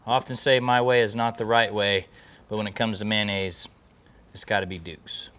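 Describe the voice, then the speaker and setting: A man's voice: medium pitch, fairly bright tone, clean tone. A man hosting a cooking video, talking casually and enthusiastically to the viewers in a folksy way. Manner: folksy, enthusiastic, talks to camera. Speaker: cooking channel host.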